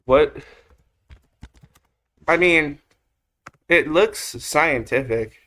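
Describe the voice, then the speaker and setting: Speaking extremely slowly in a fairly high, bright and forceful voice, a man hosts a reaction video with casual, rambling commentary. His phrasing is slangy with mild swearing, and the watched video's music or drone can be heard behind him.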